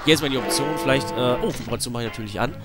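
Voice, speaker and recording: Racing along at a medium pitch, a male let's player with a slight cold gives casual, slang-heavy commentary that wanders all over the place. Game music plays in the background.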